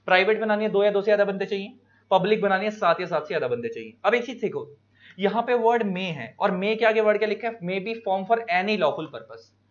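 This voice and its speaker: An Indian man lecturing students, explaining each point slowly with examples and stretching key words. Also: high voice, expressive. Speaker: teacher. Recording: dull lo-fi recording.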